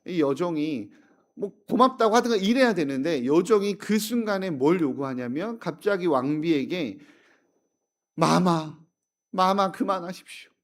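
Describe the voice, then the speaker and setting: A male pastor preaching from a church pulpit. His voice sits a bit high, and he tells the story dramatically, rising loud and falling quiet. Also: animated, normal speed. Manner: dramatic storytelling, wide swings in loudness. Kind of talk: sermon. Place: church sanctuary.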